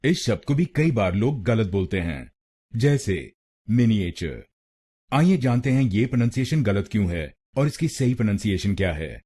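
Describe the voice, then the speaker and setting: A man's voice: fairly low pitch, sing-song, moderate pace, warm tone, husky. A man with an Indian accent teaching pronunciation, spelling out syllables and repeating each sound. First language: Hindi. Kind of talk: slow instructional explanation.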